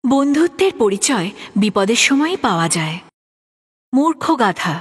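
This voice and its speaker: Expressive woman storybook narrator. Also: a little high, moderate pace, slightly rough. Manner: expressive, addresses the young listener.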